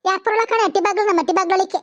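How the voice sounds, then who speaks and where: A woman's voice: very high-pitched, steady tone, rapid-fire, no echo, muffled recording. A woman voicing a quarrelsome, foul-mouthed village mother in a cartoon. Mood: spiteful. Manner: abusive, quarrelsome. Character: sharp-tongued older village mother. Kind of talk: cartoon voice acting.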